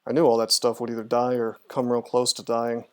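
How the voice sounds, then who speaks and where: A man casually commentates on a video game while streaming, chattily thinking aloud through his moves and answering chat. His voice is medium-pitched and brisk, with a completely flat delivery.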